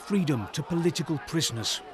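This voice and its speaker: A man narrating a scripted news report as a correspondent, solemn and measured, in short phrases. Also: fairly high pitch, lively intonation, a loud crowd, very noisy.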